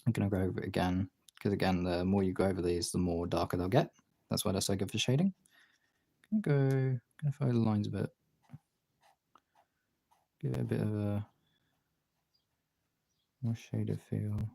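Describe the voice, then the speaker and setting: A gravelly, dark-toned man's voice, fairly low and at normal speed, broken up by frequent pauses. The streamer-artist talks informally while showing how he draws, wandering from thought to thought.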